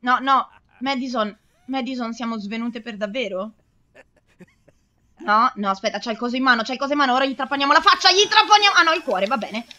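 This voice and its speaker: Young woman, high voice, anxious let's play commentary, lots of pleading. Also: brisk, bright, forceful tone. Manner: anxious, exclaims and pleads with the game. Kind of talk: excitable gameplay commentary.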